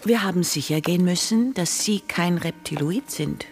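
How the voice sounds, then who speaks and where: In a radio drama, an actress with an Austrian accent plays a commanding, conspiracy-believing wife who leads a separatist group. She sounds stern, formal, earnest and imperious, with a secretive mood. Her voice is on the low side and a little mellow, at a moderate pace, with light acting.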